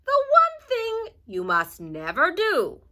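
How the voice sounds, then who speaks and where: A woman voicing an old grandma witch from a storybook, firm and deliberate in manner. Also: very high-pitched, huge pitch swings, sharp tone, pitched above the performer's own voice, exaggerated voice. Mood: stern, instructive. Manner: commanding, deliberate, singsong when chanting spells.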